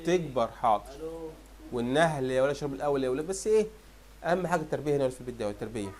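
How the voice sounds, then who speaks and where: A young man with an Egyptian Arabic accent, teaching a fast exam review and firing questions at students, then answering them himself. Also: medium pitch, lively intonation, darkish tone.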